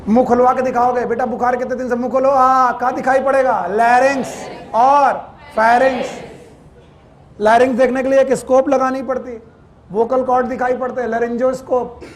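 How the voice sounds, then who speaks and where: A man's voice: very high voice, level tone, normal speed. A man teaching biology to a class in Hindi with a Purvanchal accent, quizzing students and scolding them, dropping in English terms. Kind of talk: classroom lecture.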